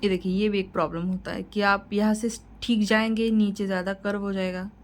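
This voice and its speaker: A woman's voice: mid-range voice, fairly even intonation, brisk, slight background noise, rough recording. A woman teaching a shorthand lesson, explaining each point patiently and repeating key points to reassure her students. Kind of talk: tutorial lesson.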